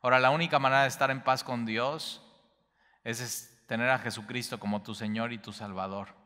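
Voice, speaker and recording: Male pastor, emphatic repeating teacher, crisp bright voice echoing in a large hall. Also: medium pitch, fairly even intonation, brisk. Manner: repetitive, emphatic, slight stumbles. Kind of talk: Bible study teaching.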